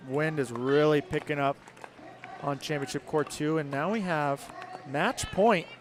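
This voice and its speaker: A man's voice: a little high, a little slow, a little hiss or hum. A man giving live play-by-play commentary as a pickleball commentator.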